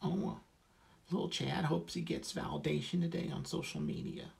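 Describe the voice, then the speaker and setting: A man putting on a high, needy baby voice as a grown man begging for praise online. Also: moderate pace, creaky, darkish tone. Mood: babyish.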